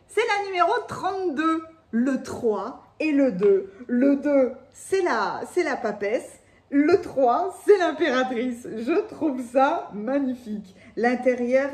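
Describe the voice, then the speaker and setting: High-voiced woman with a lisp, echoey room. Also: a little mellow. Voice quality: lisp on s sounds. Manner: enthusiastic, exclamatory. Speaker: tarot card reader. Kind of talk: spontaneous, chatty tarot reading to viewers.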